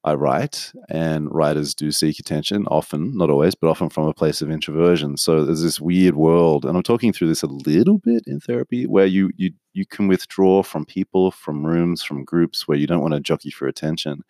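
A man's voice: rumbling low, normal speed, darkish tone, no echo, clean studio sound. A man hosting a solo podcast, talking candidly and rambling with frequent restarts. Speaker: podcast host. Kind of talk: casual solo podcast monologue.

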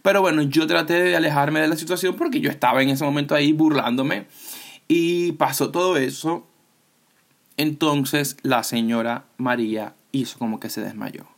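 A man's voice: on the high side, moderate pace, vocal fry. A man telling a funny anecdote in a casual, amused, chatty way. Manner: chatty, amused, acts out the people in his story. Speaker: podcast storyteller.

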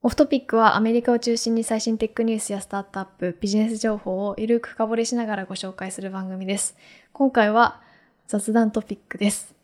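A woman's voice: on the high side, fairly even intonation, quick pace, a little mellow. A woman hosting a podcast in casual chat, speaking politely but loosely. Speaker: podcast host.

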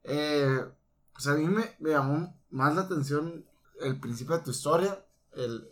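A man's voice: fairly high pitch, a little slow, a bit bright, slight background noise. A man with a Mexican accent co-hosting a podcast, reflective and talking casually. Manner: reflective, with many restarts. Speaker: podcast co-host. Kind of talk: casual chat.

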